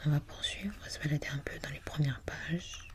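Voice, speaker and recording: A woman whispering breathily as in a library, reading aloud for ASMR in a hushed, unhurried, musing way. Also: low-pitched. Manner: hushed, unhurried, murmuring to self while reading. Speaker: ASMR host.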